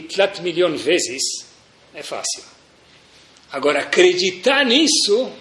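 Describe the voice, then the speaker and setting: An animated man delivers a religious lecture, telling stories and turning to his listeners with direct questions. His voice sits high and swings widely up and down, and the room around him is echoey. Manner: animated, anecdotal, addresses audience directly. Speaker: rabbi teaching a Torah class. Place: room with a seated audience.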